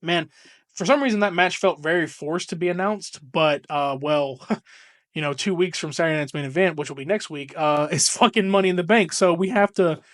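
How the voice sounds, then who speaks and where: Excitable young guy, rambling. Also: fairly high pitch, moderate pace, dry recording, studio quality. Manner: rambling, excitable, swears freely, lots of restarts. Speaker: podcast co-host. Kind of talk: casual chat.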